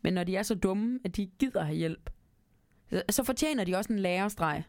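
A woman reading a Christmas storybook aloud and talking gently to the listener, then chatting casually. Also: medium pitch, expressive, no echo, clean studio sound. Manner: gentle, speaks to the listener directly. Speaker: storyteller and podcast host.

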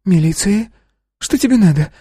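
A panicky young woman who swings between terror and defiance, her voice pitched sharply high and soft with a husky edge, put on by a male audiobook narrator. Her pitch leaps around as she pleads, and the recording is dry and close. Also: lively intonation, moderate pace, no room sound. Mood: frightened. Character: frightened young woman witness, jittery and defiant. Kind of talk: audiobook character voice.

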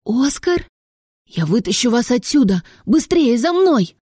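A woman's voice: fairly high pitch, big pitch swings, a little slow, husky, dry recording, clean studio sound, pitched above the performer's own voice, full character voice. A woman doing a clever bespectacled boy. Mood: urgent whisper. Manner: hushed, explaining. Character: clever young boy in glasses, shy but proud.

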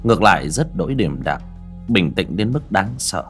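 Male audiobook narrator, deep voice, lively intonation, talks straight to listeners. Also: normal speed, soft background music. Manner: conversational, addressing listeners directly.

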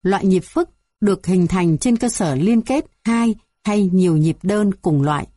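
A woman reading a music theory textbook aloud in an even, measured way, going through numbered items. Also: medium pitch, dry recording, clean studio sound. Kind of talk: scripted textbook narration.

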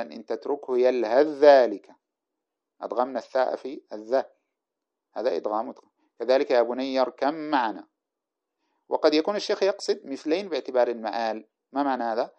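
A man teaching a classroom lecture, reading a grammar text aloud and explaining it line by line in a brisk, explanatory way. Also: mid-range voice, a little mellow. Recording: dull lo-fi recording.

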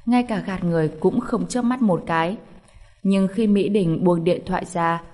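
Low-voiced woman narrating a novel. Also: moderate pace, mellow. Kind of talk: audiobook narration.

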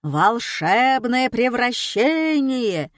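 A woman voicing a loud, showy male stage magician announcing to a crowd. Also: lowish voice, takes it slowly, dry recording, clean studio sound. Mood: grandly booming. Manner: bellowing, theatrical announcing.

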